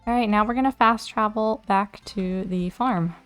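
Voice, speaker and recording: A woman hosting a let's play, chatting casually to herself as she plays, and easily excited. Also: medium pitch, normal speed, faint music behind. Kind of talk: casual gameplay commentary.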